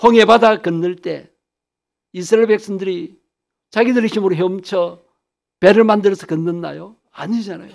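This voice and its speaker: A man's voice: sits high, normal speed, gravelly. A man pastor preaching a sermon, asking the congregation questions and answering them himself, stretching key phrases for emphasis.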